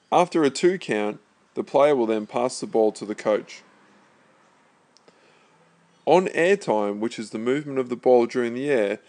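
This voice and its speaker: A man speaking as a sports coach, giving a measured, step-by-step instructional explanation of a drill in short phrases. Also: mid-range voice, a little mellow. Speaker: basketball coach.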